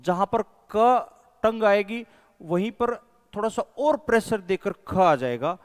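A man's voice: high-pitched, animated, slow pace, clear, resonant tone. A male coaching teacher giving a whiteboard lesson, patiently drilling sounds one by one and calling his viewers friends. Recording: echoey room with long reverb.

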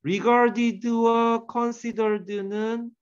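A man's voice: extremely high pitch, level tone, drawn-out words, clear, resonant tone, dull audio. A man teaching an English grammar class, quizzing and teasing his students by name as he goes.

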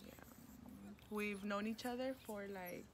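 A woman in her twenties co-hosts a vlog, answering questions in casual chat that is slangy, profane, and slips into Spanish. Her mid-range voice is unhurried. She's recorded outdoors by a parking area, with noisy outdoor ambience around her.

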